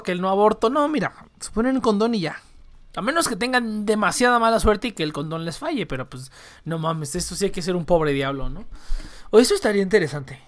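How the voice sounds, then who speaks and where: A woman with a Mexican accent hosts a live stream and chats freely to her viewers. Her talk rambles, full of local slang and casual cursing. Her voice sits at an ordinary middle pitch. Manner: rambling, slangy and profane, talking to chat viewers. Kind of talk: casual chat.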